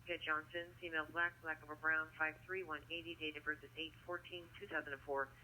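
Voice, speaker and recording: A police dispatcher reading out codes and descriptions in a clipped, rapid way, heard as police radio over a scanner. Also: medium pitch, little pitch movement, bright, forceful tone, slight background noise, rough recording.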